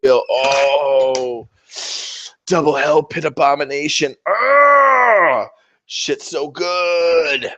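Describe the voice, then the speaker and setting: A man mimicking an overexcited male tabletop gamer who gushes and swoons, ending in a squealing shout. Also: fairly high pitch, expressive, drawn-out words, dull audio, pitched above the performer's own voice, heavily acted. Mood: swooning. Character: gushing, overexcited male rat-army gamer.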